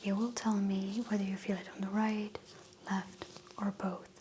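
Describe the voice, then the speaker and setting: A woman whispering gently as a doctor in a medical ASMR roleplay, giving soft step-by-step instructions. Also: mid-range voice, level tone, moderate pace, slight background noise.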